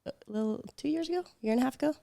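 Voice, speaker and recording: Female podcast guest, gravelly lowish voice, dry close mic, easygoing short replies. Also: very fast, dry recording. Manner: relaxed, short answers, laughs easily. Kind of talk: casual chat.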